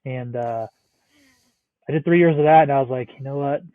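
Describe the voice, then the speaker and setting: Talking fairly fast at a medium pitch, this thirtyish Northeastern American man chats loosely as a podcast guest, peppering his rambling with "like" and the odd curse word. It's a casual interview over a thin, phone-style remote connection, completely dry with no room sound.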